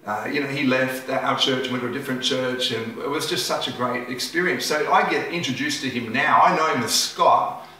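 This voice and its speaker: Male pastor, lively storytelling sermon, bright voice, distant echoey pickup. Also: mid-range voice, brisk. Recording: echoey room, voice from far off.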